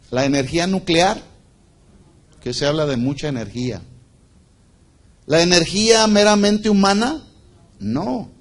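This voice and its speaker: A man's voice: sits high, a bit bright. A male pastor preaching a Bible-study sermon, explaining word meanings and asking the congregation questions.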